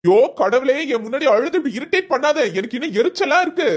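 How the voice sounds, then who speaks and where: A harsh, cold husband in a cartoon, voiced by a woman, scolding his wife with open scorn. The voice sits fairly high. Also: expressive, fast. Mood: scornful. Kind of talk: cartoon voice acting.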